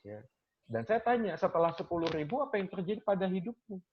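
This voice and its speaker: A male lecturer talks in a relaxed, conversational way, acting out his students' questions as he tells stories. His voice sits a little higher than most men's. The recording sounds dull and muffled. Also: quick pace, slight background noise. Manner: animated storyteller, acts out students' questions, mixes in English phrases. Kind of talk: casual talk sharing teaching stories.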